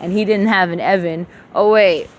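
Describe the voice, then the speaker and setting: Talking to herself, a woman swings between Arabic, which she speaks with a rural Levantine accent, and English in an emotional, profane, rambling monologue. Her voice is medium-pitched and steady at a normal speed, with a little hiss or hum in the audio.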